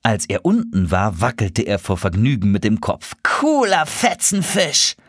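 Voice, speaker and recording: A man reading a children's story aloud with an expressive, swooping delivery. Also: fairly low pitch, moderate pace, dry recording, clean studio sound.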